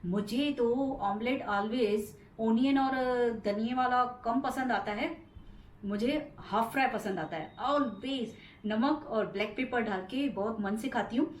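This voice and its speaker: A woman's voice: on the high side, takes it slowly, reverberant, a little hiss or hum. Chatty middle-aged woman vlogging at home. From India. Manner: chatty, rambling, recounting daily chores. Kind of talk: casual home vlog narration. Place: home interior.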